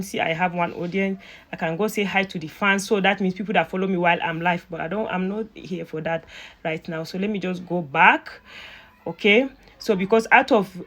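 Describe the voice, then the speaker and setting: A young woman walking viewers through an app in a chatty, self-mocking way, with frequent fillers. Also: mid-range voice. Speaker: YouTuber giving an app tutorial. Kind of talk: casual screen-recorded tutorial.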